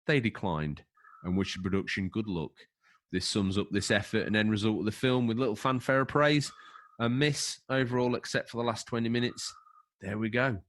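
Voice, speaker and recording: A man's voice: on the low side, moderate pace, fairly bright tone. A man co-hosting a casual podcast, reading out a film overview with jokey, emphatic asides. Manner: jokey, emphatic, stumbles over names. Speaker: podcast co-host.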